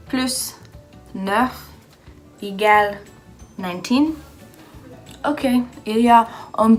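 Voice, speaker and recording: Slow, halting American woman speaking French. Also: mid-range voice, a bit bright. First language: English. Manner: halting, searching for words with many fillers. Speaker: vlogger. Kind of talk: casual vlog in learner's French.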